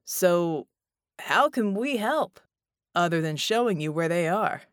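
A woman's voice: fairly low pitch, animated, takes it slowly, no echo, clean studio sound. Woman doing a laid-back stone giant guy. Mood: easygoing. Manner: casual, slangy, easygoing. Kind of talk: audiobook character voice.

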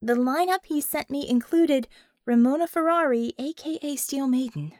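In an audiobook, a woman voices an eager, chatty female tech aide briefing her boss with a knowing air. Her high, darkish voice is pitched above her own but stays close to everyday speech, delivered at a moderate pace in clean studio sound with no room tone.

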